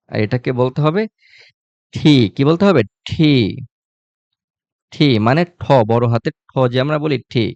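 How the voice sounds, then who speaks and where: A man's voice: mid-range voice, a little mellow, dry recording, highs cut off. A man teaching a live English class, repeating each letter and quizzing students on how it sounds, speaking directly and conversationally to viewers. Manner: repeats and quizzes the class, asking what it will be; conversational, addresses viewers directly with religious phrases.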